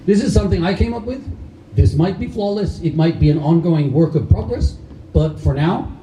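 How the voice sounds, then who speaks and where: Picked up from a distance in a roomy hall, a karate instructor raised in Denmark speaks loosely to a seated camp group, rambling with frequent fillers and restarts. His pitch is fairly high and his tone dark, with lively intonation at a moderate pace, plus slight background noise.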